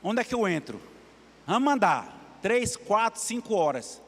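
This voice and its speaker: Male pastor, high lively voice, unhurried, storytelling sermon. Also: slightly rough. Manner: animated, acts out dialogue in his stories. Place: church sanctuary. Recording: long church-hall reverb.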